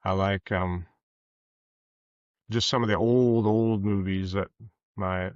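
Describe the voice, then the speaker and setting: Deep and steady, this American man's voice carries a rural Kansas folksiness as he casually answers interview questions in his sixties. He's a guest there as an author who used to be a police officer, and he speaks hesitantly, in halting bits. The audio is lo-fi, dull and roomy.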